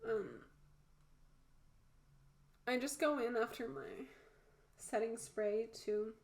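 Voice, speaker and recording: Sounding congested, a woman rambles candidly and informally through a relaxed makeup tutorial as a vlogger. Her voice is on the high side and her pace slow, with noticeable room echo.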